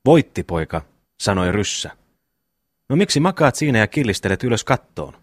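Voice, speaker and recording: A man reads a hot-tempered young brother who blusters and boasts in a deep, lively voice that swings up and down. It is an audiobook voice, recorded dry and close. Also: dry recording. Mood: blustering.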